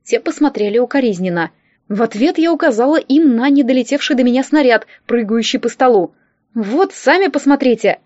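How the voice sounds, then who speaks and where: A woman narrating a humorous romance audiobook in a wry, lively first-person manner. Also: on the high side, fairly quick, dry recording, dull audio.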